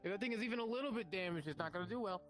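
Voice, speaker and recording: Over loud background music, a high-voiced man fires off rapid speech as a game master playing a guild quest giver. His improvised roleplay briefing is informal and full of swearing, and he keeps asking the group questions.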